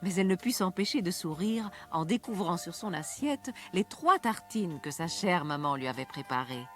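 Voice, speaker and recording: A woman narrating a children's story in a lively, sing-song reading voice. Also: lowish voice, normal speed, faint music behind.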